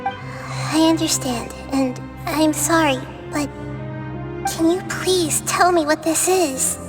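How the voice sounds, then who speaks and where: An actress playing a small, childlike, gentle and wise deity in a video game, speaking politely and thoughtfully. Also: female voice, sits high, slow. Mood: gentle, apologetic. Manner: polite, thoughtful, formal wording. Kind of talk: scripted video game dialogue. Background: game music.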